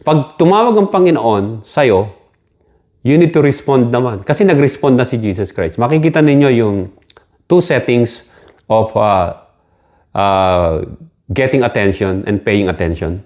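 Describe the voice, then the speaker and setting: A man's voice: mid-range voice, expressive, measured pace, darkish tone. A man with a Filipino accent preaching a sermon, switching between Filipino and English, repeating key words and rising for quoted cries.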